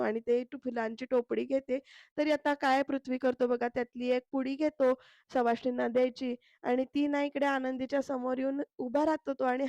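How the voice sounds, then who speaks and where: A woman narrates a voice-over recap of a TV serial and keeps turning to address her viewers directly. Her voice sits high. The sound is dry and close, with no room around it. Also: a little mellow, no echo. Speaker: TV serial reviewer.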